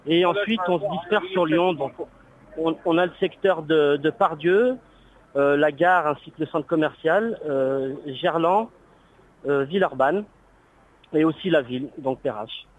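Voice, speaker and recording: A man calling in to a radio show by phone, speaking politely and formally as a volunteer and pausing often as he explains. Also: a little high. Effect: phone call heard on air. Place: outdoors on a street round. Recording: dull lo-fi phone line.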